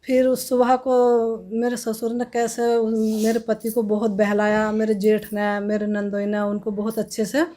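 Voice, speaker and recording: A woman telling her own life story as a testimony in an interview, in a plain, halting way with many restarts. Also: mid-range voice, monotone, dark tone. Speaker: testimony giver.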